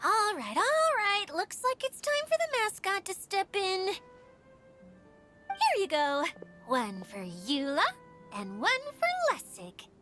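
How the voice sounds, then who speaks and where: Cheery little mascot, squeaky bright voice, swoopy, kids music feel. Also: female voice, wildly swooping pitch, takes it slowly, full character voice. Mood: bubbly. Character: tiny cheery girlish mascot companion. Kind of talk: game voice acting.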